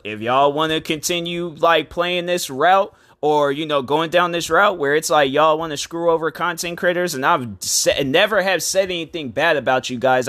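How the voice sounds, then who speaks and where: A man's voice: a little high, fairly bright tone, no echo. A man hosting a casual online commentary show, talking in a slangy, rambling, repetitive way into a cell phone microphone. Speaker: YouTube show host.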